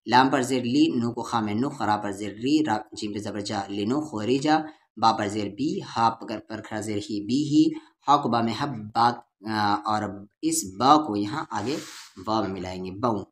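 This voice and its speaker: The recording has a faint hiss or hum under a man's lowish, unhurried voice. With an Urdu-Hindustani accent, he patiently spells out syllables and lengthens vowels in a letter-by-letter Quran reading lesson.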